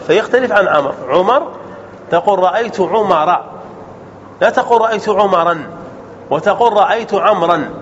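High-voiced sheikh teaching grammar. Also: male voice. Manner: quizzes students with quick rhetorical questions. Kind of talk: classroom grammar lesson. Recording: dull lo-fi sound with faint noise.

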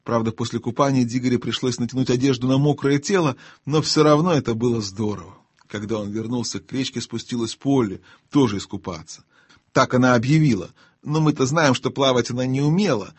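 A man narrating an audiobook in a calm, expressive storytelling manner. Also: mid-range voice, brisk, breathy edge, no echo. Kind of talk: scripted narration.

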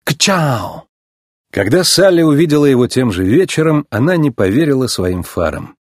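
A man narrating a children's storybook in an expressive, animated reading. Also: mid-range voice, fairly quick, no room sound, clean studio sound.

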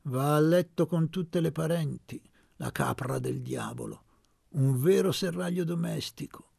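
A man voicing a crude, mocking young man who teases his friends loudly. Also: a little high, wildly swooping pitch, a little slow, vocal fry, husky, no echo, clean studio sound, voice pushed up, full character voice. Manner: sneering, boisterous.

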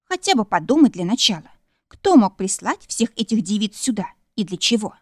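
Woman, audiobook narration, first person, emotional, middle pitch, dry. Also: very animated, normal speed, dry recording. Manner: emotional, vivid storytelling.

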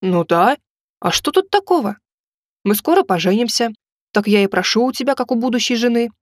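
A woman's voice: on the high side, expressive, no room sound, studio quality, close to an everyday voice. A woman voicing a pushy young man who keeps pressing for money and takes offence easily, in an audiobook. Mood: coaxing. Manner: insistent, quick to take offence. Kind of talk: audiobook reading.

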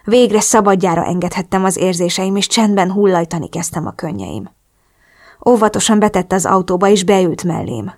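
A woman narrating a first-person novel as an audiobook, expressive and emotional. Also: mid-range voice.

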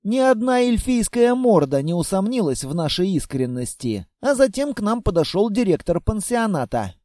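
Male audiobook narrator, wry, lively, high pitch, warm mellow tone. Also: normal speed, no echo, studio quality. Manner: wry and lively, voicing every part. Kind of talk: first-person audiobook narration.

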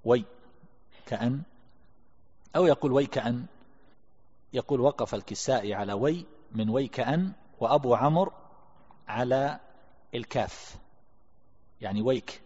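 Calm male teacher reading and explaining a text, lo-fi recording with lingering reverb. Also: mid-range voice, moderate pace, pauses often. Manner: calm explanatory, reads quotes aloud then comments. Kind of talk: lecture.

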